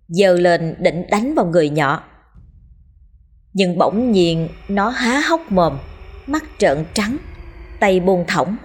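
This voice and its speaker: A woman's voice: on the low side, darkish tone, breathy edge. A woman narrating a horror story in a dramatic storytelling manner.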